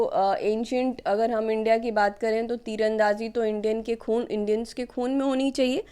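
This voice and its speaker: A woman with a clean voice on the high side explains current affairs questions in an exam-prep lesson. She keeps it chatty and conversational, full of fillers and frequent "okay" and "ठीक है" check-ins.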